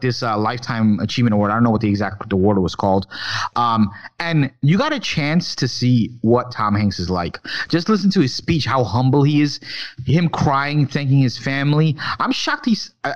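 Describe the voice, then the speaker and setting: A man's voice: medium pitch, lo-fi sound. A man co-hosting a podcast, chatting casually about film and talking in rambling, profane bursts full of restarts. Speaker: podcast co-host.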